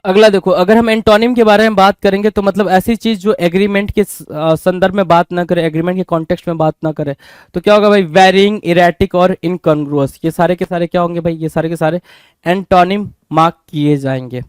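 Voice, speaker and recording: High, clear-voiced Indian male teacher. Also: fairly even intonation, fairly quick, dry recording. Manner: keeps asking "bhai?" and answering himself. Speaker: English vocabulary teacher. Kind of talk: exam-prep lesson.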